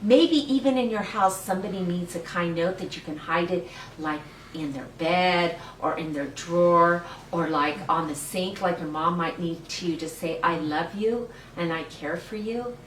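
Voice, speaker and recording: Reading to young children and chatting with them in simple, playful, encouraging words, this older woman hosts a story time. Her voice is lowish and a bit bright, her pace moderate. The mic sits at a distance in a roomy space, picking up faint noise.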